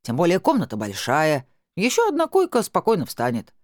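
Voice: mid-range voice, wildly swooping pitch, a little fast, no echo, studio quality. A reader voicing a drunk, coarse middle-aged woman who shrieks slurred abuse. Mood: drunk bickering. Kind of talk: audiobook character voice.

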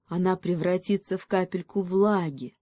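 A woman narrating a children's fairy tale in a gentle, lyrical reading voice. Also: lowish voice, steady tone, moderate pace, no echo. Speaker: storyteller. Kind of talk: scripted storybook narration.

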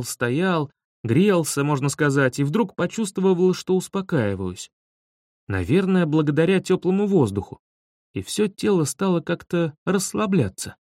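Man, audiobook narrator, expressive, fairly high voice, lively pitch, dry close sound. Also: no echo. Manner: expressive storytelling. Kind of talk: scripted narration of a humorous children's story.

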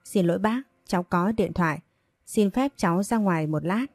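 A woman's voice: medium pitch, moderate pace, darkish tone, no room sound, close to an everyday voice. A woman voicing a polite young man in an audio story.

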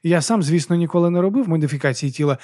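A man's voice: a little high, rapid-fire, mellow, dry recording, clean studio sound, natural voice. A man voicing a nervous, babbling man in his thirties. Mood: nervously babbling. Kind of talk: audiobook character voice.

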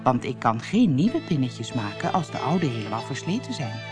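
A practical clockmaker giving a plain, sober warning in a low voice, as a woman reading a fairy tale voices him. There is little change from the reader's own tone. Music sits softly behind. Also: very animated, moderate pace. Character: male clockmaker, matter-of-fact.

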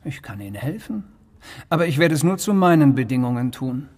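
In a radio drama, a medium-pitched male actor voices a cold, cultured criminal mastermind, speaking with pompous precision and calm, cool menace. A long reverb tail trails his lines.

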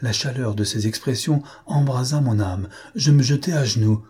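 A man narrating a classic novel aloud as an audiobook reader, in an even, literary storytelling manner. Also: medium pitch, moderate pace, husky.

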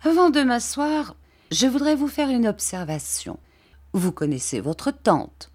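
A woman reading an audiobook, voicing a kindly, simple-minded older gentleman who talks in earnest, halting phrases. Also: a little high, animated, voice pushed up.

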